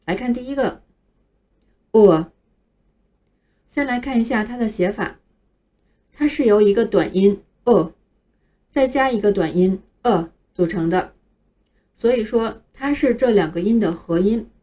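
Slow, mellow-voiced woman teaching pronunciation. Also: mid-range voice, animated. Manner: slow, careful spelling out of words. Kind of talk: scripted phonics lesson.

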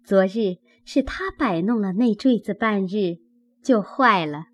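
A woman's voice: mid-range voice, expressive, measured pace. A woman voicing a lighthearted young maid in a teasing tone.

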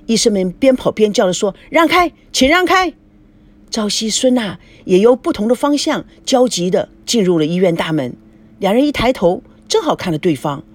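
A narrator giving a steady, expressive scripted reading of a family drama story. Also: mid-range voice, brisk.

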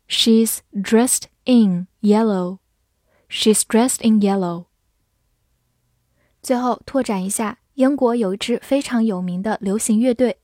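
A woman teaching English vocabulary in a scripted lesson, spelling words letter by letter and reading example sentences slowly. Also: fairly high pitch, mellow, no echo, studio quality.

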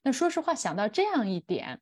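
Thoughtful woman podcast host, measured and reflective. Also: fairly high pitch, very animated, darkish tone. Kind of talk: reflective personal talk in a podcast.

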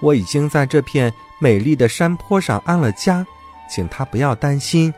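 A man's voice: a little high, lively intonation, normal speed, a little mellow, faint music behind, lightly acted. A man voicing a tiny, sweet dandelion baby in a children's story. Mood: sweet, earnest.

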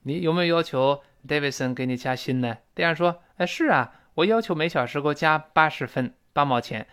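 Man teaching spoken English, slow drills. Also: expressive, a bit bright, clear, resonant tone. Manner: explains slowly, drawls sample phrases to show linking sounds; acts out both sides of a short dialogue with lifted pitch. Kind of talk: recorded audio lesson.

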